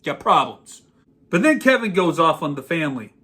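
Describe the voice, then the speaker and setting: A man's voice: a little high, big pitch swings, moderate pace, sharp tone. A man hosting a podcast, giving a sarcastic, exasperated movie rant. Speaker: podcast host. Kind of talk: ranting movie commentary.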